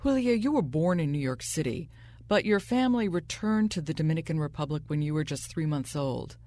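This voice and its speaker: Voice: medium pitch, expressive, fairly quick, a little mellow. An interviewer asking prompting questions, heard from a distance. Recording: distant from the mic.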